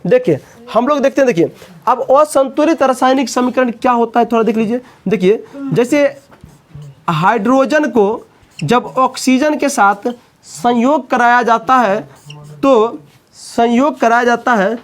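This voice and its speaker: A man teaching a coaching class, often asking students questions and repeating the answers. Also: very high voice.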